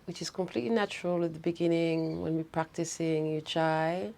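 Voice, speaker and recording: Female breathwork guide: soft mellow tone, touch of vocal fry, unhurried soothing instructions, slight noise behind. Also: low voice, steady tone. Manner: soothing, unhurried guidance with short phrases.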